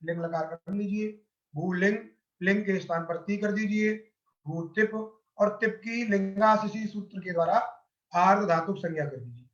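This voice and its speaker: A man's voice: high voice, normal speed. A man teaching a grammar lesson step by step, asking his class questions and answering them himself. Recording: roomy, dull lo-fi sound.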